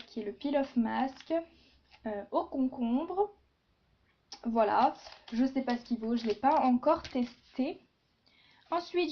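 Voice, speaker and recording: A woman's voice: fairly high pitch, lo-fi sound. A woman chatting casually in a beauty haul video, with many fillers and asides. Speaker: beauty vlogger.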